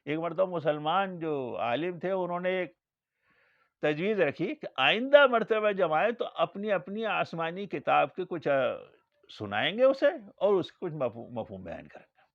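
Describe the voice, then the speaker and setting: A male Islamic scholar with a somewhat high voice gives a religious lecture, telling stories and acting out the dialogue. The recording is dull and lo-fi, with a dry sound and no room echo. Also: expressive. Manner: storytelling, acts out dialogue in quoted lines.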